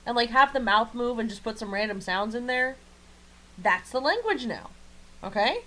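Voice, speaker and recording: On a roughly recorded podcast, a woman co-host reviews an anime in casual chat, swearing often and joking bluntly. She speaks at normal speed in a fairly high, expressive voice with a sharp edge.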